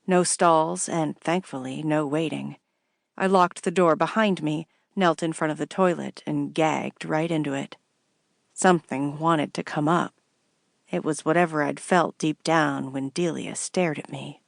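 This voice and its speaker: Woman reading a novel in first person, low voice, bit of fry, measured. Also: steady tone, no echo, studio quality. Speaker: audiobook narrator.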